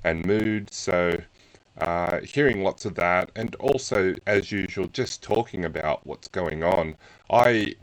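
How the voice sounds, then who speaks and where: A man co-hosting a podcast interview and talking about his clients, speaking hesitantly with many pauses. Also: deep voice, low-quality recording.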